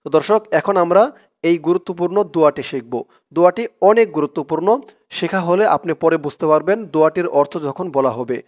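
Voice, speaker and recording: A man teaching a prayer by spelling its Arabic letter by letter and chanting each word slowly for viewers to repeat. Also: on the high side, darkish tone. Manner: addresses viewers directly, asks them to repeat. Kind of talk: recitation lesson.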